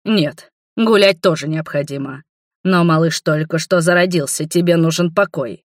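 An audiobook reader voicing a protective male dragon lord, stern and firm, with a slightly hoarse tone. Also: mid-range voice, normal speed, dry recording, studio quality, natural voice. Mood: stern, caring.

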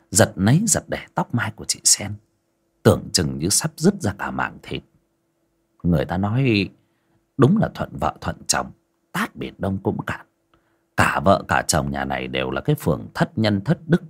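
Husky, lively male storyteller. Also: fairly low pitch. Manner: vivid, expressive storytelling. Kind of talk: audio folk story narration.

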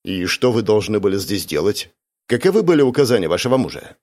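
A man's voice: lowish voice, very animated, quick pace, a little mellow. A man voicing a cold, stern young woman. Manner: cold, clipped questioning.

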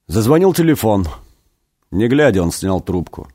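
A man reading a satirical story aloud as an audiobook, wry and expressive. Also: fairly low pitch, moderate pace. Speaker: reader. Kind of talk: audiobook narration.

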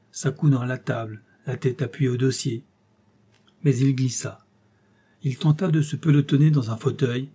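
A man narrating an audiobook with dark, mellow tone and a husky edge. He reads in dramatic, measured phrases, pausing often between clauses. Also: medium pitch. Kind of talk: audiobook reading of a serial novel.

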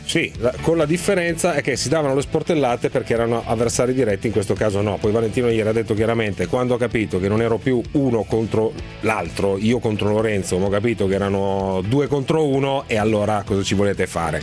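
Male sports radio host, lowish register, conversational, light music bed underneath. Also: quick pace, hardly any pauses, darkish tone.

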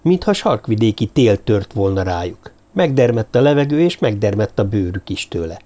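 A man voicing a calm, reasoning former security officer in an audiobook. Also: on the low side. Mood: thoughtful.

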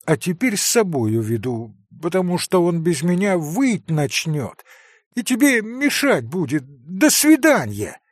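A man reading aloud, voicing a proud, impulsive teenage boy who bursts out loudly. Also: mid-range voice, breathy edge, no echo, studio quality, heavily acted. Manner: brash, loud outbursts.

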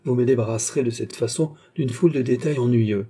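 A man's voice: mid-range voice, fairly quick, warm tone, slightly rough, close to an everyday voice. A man voicing a haughty, scheming male ambassador in a classic French audiobook, with an imperious, curt manner.

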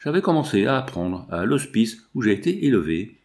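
Un homme lisant à voix haute et prêtant sa voix à une jeune couturière orpheline, douce et triste. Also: male voice, lowish voice, sing-song, fairly quick, a little mellow. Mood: doux.

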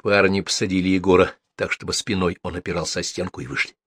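Low, husky male audiobook narrator. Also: flat delivery, quick pace, fairly bright tone, dry recording, clean studio sound. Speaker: audiobook reader.

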